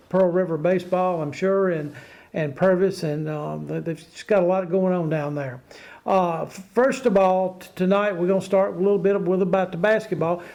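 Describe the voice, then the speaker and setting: A man hosting a casual sports talk show in a halting, stammering way, often repeating his words. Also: high-pitched, a little mellow.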